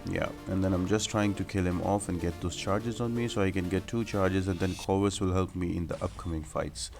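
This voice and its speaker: Over background music, this gaming creator explains how to handle fights in a relaxed, instructional walkthrough, one step at a time. He speaks briskly in a low, steady voice.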